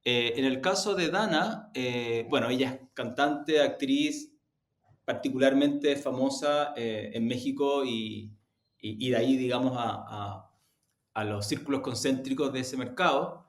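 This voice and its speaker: Speaking a little slowly at medium pitch, a male interview guest who works as a media executive explains things haltingly, searching for words in a conversational way. The room gives the audio an echoey quality.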